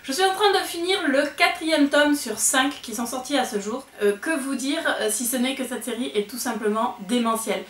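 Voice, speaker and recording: A woman's voice: high voice, moderate pace, few pauses, a bit bright. A woman chatting casually through her monthly book wrap-up video, with lots of fillers and restarts. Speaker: book vlogger. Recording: echoey room, voice a bit far from the mic.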